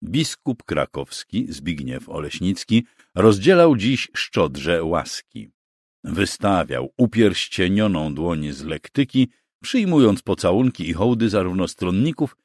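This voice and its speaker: A man narrating a historical story in an expressive, scripted storytelling style. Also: low-pitched, no room sound, clean studio sound.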